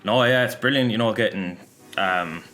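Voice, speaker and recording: A man's voice: fairly low pitch, moderate pace, sharp tone. A man in his early twenties with a west of Ireland accent, answering interview questions casually and often adding "you know". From Galway, west of Ireland. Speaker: esports player, interviewee. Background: music.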